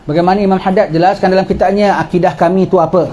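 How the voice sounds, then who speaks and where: A middle-aged man delivers a religious lecture at a quick clip, his voice pitched high for a man yet dark and mellow in tone. He tells the story in a lively way and keeps asking questions that he answers himself. A faint hum of room noise sits behind him.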